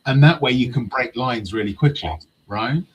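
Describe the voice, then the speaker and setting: Husky man, passionate, swearing freely. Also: mid-range voice, moderate pace, rough recording. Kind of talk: casual football chat.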